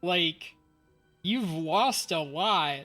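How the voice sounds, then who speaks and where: A man's voice: on the high side, expressive, drawn-out words, sharp tone. A male streamer reading a game's narration aloud and musing casually about it. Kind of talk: reading game text aloud and commenting. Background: game music.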